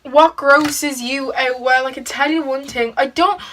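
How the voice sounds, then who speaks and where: In a noisy setting, a teen girl from Ireland talks a little slowly in a high, steady voice while getting ready on camera for her beauty channel. She answers questions about herself, giggling and chatting with plenty of "like" fillers.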